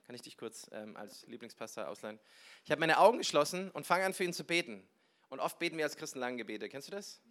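A man preaching a sermon, telling personal stories with lively, animated delivery and acting out conversations with sudden loud bursts. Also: mid-range voice, quick pace. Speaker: pastor.

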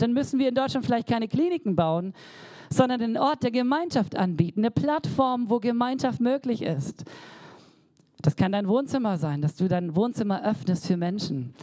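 A woman's voice: fairly high pitch, warm tone, no room sound. A woman preaching a sermon in an earnest, emphatic way, stressing repeated phrases. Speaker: pastor.

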